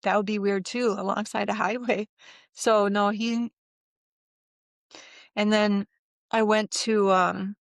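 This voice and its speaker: A middle-aged woman with a gravelly, fry-touched voice tells a personal story in a relaxed interview. She is animated, breaking into the voices of the people she quotes. The recording is close and dry. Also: medium pitch, slow, long pauses, no room sound. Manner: animated, acts out quoted voices, laughs often. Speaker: interview guest.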